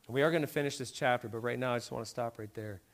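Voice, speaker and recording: A man's voice: medium pitch, fast talker. A middle-aged man preaching a sermon in a conversational way, often checking in with "right?". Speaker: pastor.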